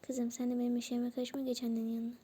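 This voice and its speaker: A woman's voice: a little high, completely flat delivery, rapid-fire, warm tone, breathy edge. A woman doing a flustered, blustering dad. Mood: gruff. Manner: defensive, blustering excuses. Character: flustered middle-aged father caught lying.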